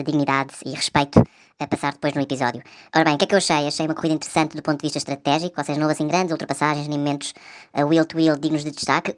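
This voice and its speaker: Sped-up chipmunk voice, man's voice message. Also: a little high. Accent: European Portuguese. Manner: chatty, wry, many fillers. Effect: sped-up chipmunk voice from a fast-played voice message. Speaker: podcast listener sending a voice message. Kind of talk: casual voice-message race review. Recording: voice message played back fast.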